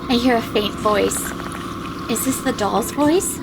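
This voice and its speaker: A woman's voice: fairly high pitch, measured pace, very noisy. A woman game streamer who reads story text aloud dramatically and breaks off into casual, blunt, sweary commentary. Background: game music behind the voice.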